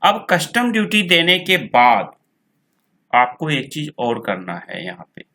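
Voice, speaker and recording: Bright-voiced male accounting tutor, slow and repetitive. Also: on the high side, huge pitch swings. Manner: slow, repetitive explaining, reads figures out twice. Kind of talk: screen-recorded software tutorial.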